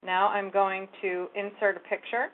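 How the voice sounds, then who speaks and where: A woman giving a casual step-by-step software tutorial, talking through each click as she goes. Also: medium pitch, level tone, normal speed. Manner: casual step-by-step explaining, talks while clicking. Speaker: real estate tech trainer. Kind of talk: screen-share software tutorial. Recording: phone-like narrow band audio.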